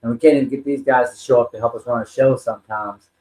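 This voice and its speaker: A wrestler and talent manager in his forties, appearing as a podcast guest, tells his life story in an earnest, rambling way, with many ums and restarts. His mid-range voice has a dark tone, fairly even intonation, and a quick pace. The recording is reverberant and low in quality.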